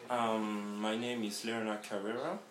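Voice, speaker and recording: Man from France, interview guest, slow halting speech, low voice, roomy echoey recording. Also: level tone, very noisy. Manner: halting, searching for words. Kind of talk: casual interview chat. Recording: roomy echo.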